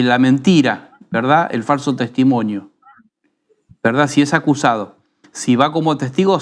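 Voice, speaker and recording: Argentine pastor teaching in an unhurried tone. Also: male voice, mid-range voice. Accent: Rioplatense Spanish. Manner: unhurried, teaching tone with frequent rhetorical tag questions. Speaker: pastor and radio program host. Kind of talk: conversational preaching.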